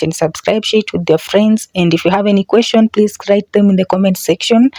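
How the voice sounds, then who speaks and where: A woman's voice: medium pitch, dark tone, no room sound. A woman giving an online language lesson as a teacher, repeating example words and often checking in with a short question. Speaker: teacher, video host.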